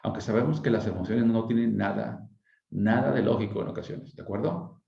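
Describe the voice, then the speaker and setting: A man with a deep, gravelly voice talks conversationally, asking rhetorical questions as he explains. His tone is dark and mellow. The sound is dull and lo-fi, with noticeable room echo. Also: brisk. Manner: reflective, asks rhetorical questions, frequent tag questions. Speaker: speaker on emotional wellbeing.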